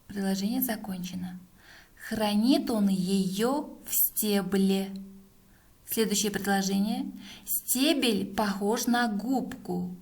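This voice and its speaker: Very slow-paced woman dictating. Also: medium pitch, a little mellow. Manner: dictating word by word with long pauses, repeating sentences. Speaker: teacher. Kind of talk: dictating a school dictation to pupils.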